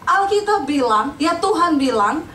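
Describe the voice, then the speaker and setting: A woman preacher, giving a lively, chatty sermon and often turning to the congregation. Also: high voice, a little slow, slight background noise. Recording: roomy echo, recorded from a distance.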